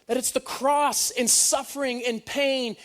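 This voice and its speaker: A man preaching a sermon, telling the story in an animated way with joking asides. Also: very high-pitched, unhurried.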